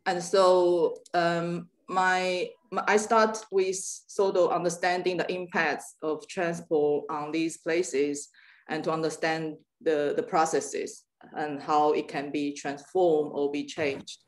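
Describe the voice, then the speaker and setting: Woman guest lecturer from Taiwan, low voice, halting delivery full of ums and restarts, video-call audio. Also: little pitch movement. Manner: hesitant, many fillers and restarts. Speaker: guest lecturer in urban planning.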